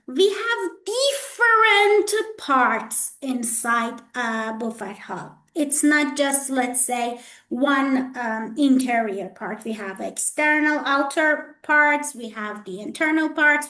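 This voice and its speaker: A woman's voice: high-pitched, sharp tone, reverberant. A woman trainer lecturing students in a classroom, repeating herself and checking in with "okay?" and "guys". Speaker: hospitality trainer.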